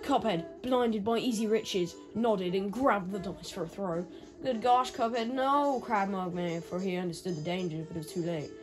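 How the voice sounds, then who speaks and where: Brief: woman gamer, animated reader of cutscenes, cracks jokes, game music loud underneath. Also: on the low side, normal speed, hardly any pauses. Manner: animated, jokey asides to the story. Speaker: gaming YouTuber. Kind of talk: reading game story aloud with commentary. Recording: game music playing behind.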